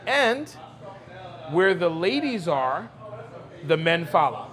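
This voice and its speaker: A Brooklyn, New York cigar lounge owner appears as a podcast guest, his fairly high voice slow, sing-song, and a bit bright. He talks conversationally and emphatically, repeating phrases as he's interviewed.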